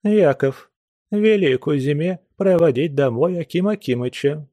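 A man's voice: on the high side, lively intonation, slow, warm tone, no echo, studio quality, voice pushed up. A man reading aloud plays an elderly woman, the mistress of the house, who speaks firmly and gives orders in a raised voice. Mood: stern. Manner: firm, commanding.

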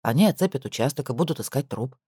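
An audiobook narrator voicing a laid-back, skeptical male police captain who talks things through slowly and dryly. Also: mid-range voice, animated, dark tone, slightly rough, dry recording, voice pushed down. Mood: skeptical, weary. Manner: dry, laid-back, slow and reasoning. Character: weary skeptical police captain, man, unhurried.

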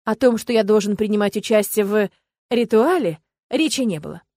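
A woman's voice: mid-range voice, animated, moderate pace, a little mellow, dry recording. A woman voicing a brusque male dragon in a man's form, giving short, stubborn replies in a dry recording. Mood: evasive.

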